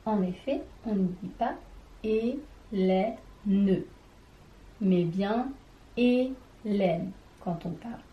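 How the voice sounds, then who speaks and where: A woman gives a children's reading lesson, speaking directly to the child and sounding out each word slowly and carefully, syllable by syllable. Her mid-range voice is warm and mellow, very unhurried, with a noticeable room echo and slight background noise.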